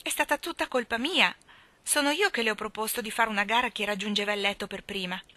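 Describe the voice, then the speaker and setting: Woman reader doing a high, dramatic little orphan girl, bright and passionate, dry close read. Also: fast talker, no echo, lightly acted. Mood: contrite. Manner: dramatic, pleading, rises high. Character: impulsive dreamy red-haired orphan girl.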